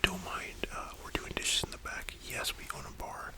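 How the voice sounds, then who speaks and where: An ASMR host whispering softly in a library-style whisper, chatting informally with slangy, opinionated fan commentary. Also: moderate pace. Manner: soft unvoiced whispering throughout.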